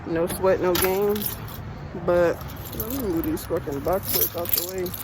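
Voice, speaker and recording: A woman's voice: fairly low pitch, fairly even intonation, a little slow. A woman casually talking to her viewers in a vlog from the gym and her car, chatty and cussing freely, calling them y'all. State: out of breath. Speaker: vlogger. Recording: noisy phone recording, ambient background.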